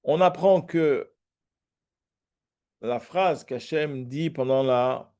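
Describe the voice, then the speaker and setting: A man's voice: medium pitch, slow pace, darkish tone, smooth. A man teaching a Talmud lesson, reading each phrase and then translating and explaining it. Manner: hesitant fillers and restarts.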